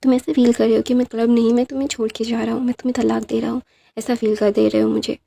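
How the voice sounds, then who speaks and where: A woman's voice: fairly high pitch, flat delivery, fast, creaky, mellow. A woman voicing a whiny, dramatic young man in a told fan story, complaining and pleading with English phrases mixed in. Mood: irritated. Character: whiny young male omega, dramatic and exasperated.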